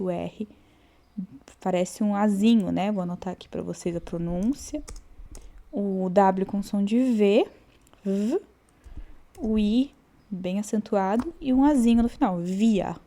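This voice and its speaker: Woman, language teacher, warm mellow tone, patient, repeats words slowly, casual lesson. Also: mid-range voice. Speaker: German teacher. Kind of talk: relaxed online language lesson.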